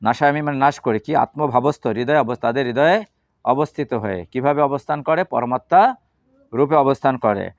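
A man's voice: mid-range voice, no echo, lo-fi sound. A man teaching a class on the Gita, asking his listeners questions and answering them himself. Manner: leads slow chanting. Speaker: religious teacher.

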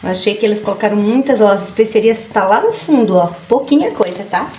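A woman's voice: medium pitch, lively intonation, fast, warm tone. A woman in her forties chatting casually through a home cooking vlog, recorded by a camera across her kitchen. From Brazil. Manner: chatty, keeps saying "gente" and "ó". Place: home kitchen with tiled walls. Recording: echoey kitchen with cooking noise.

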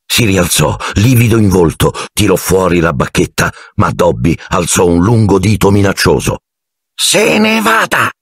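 A man narrating an audiobook in a measured storytelling manner on a close mic. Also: sits low, husky, no echo. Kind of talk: scripted narration.

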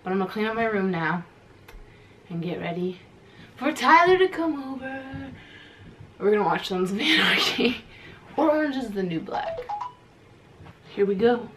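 A young woman in her twenties chatting casually to her vlog camera, sleepy and low-key after a nap. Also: sing-song, normal speed, long pauses, slight background noise. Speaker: vlogger.

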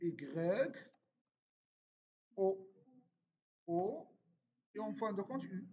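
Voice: mid-range voice, very animated, extremely slow, dark tone. A programming teacher walking through an exercise, thinking aloud and asking and answering their own questions in an informal, repetitive way. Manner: informal, repeats words while typing. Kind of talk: screen-recorded coding lesson. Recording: dull lo-fi recording.

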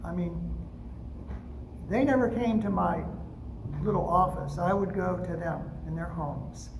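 An older man preaching a storytelling sermon from a pulpit microphone in a church sanctuary, unhurried and gentle, with frequent pauses. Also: high voice, gravelly, background noise. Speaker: pastor. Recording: echoey sanctuary with faint ambience.

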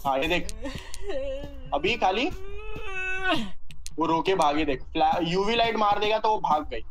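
High-voiced man barking game commands. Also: a crowd in the background, low-quality recording. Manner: bossy rapid commands, repeating words. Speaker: gamer calling out moves to teammates. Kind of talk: co-op horror gaming voice chat.

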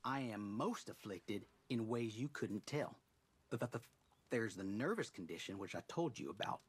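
Nervous, husky, stammering sickly man. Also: fairly low pitch, expressive, exaggerated voice. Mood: nervous, self-pitying. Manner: fussy, halting listing of his ailments. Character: nervous, stammering sickly male crook, self-pitying. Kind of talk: video game character acting.

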